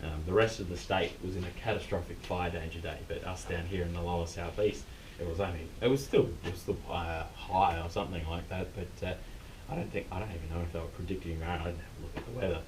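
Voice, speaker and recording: Deep-voiced Australian cave guide, male, distant mic. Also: fast, darkish tone. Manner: informal, unscripted explaining. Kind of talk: casual explanatory tour talk. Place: inside a limestone cave. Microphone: distant camera mic. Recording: distant mic, noisy rumbling cave tour.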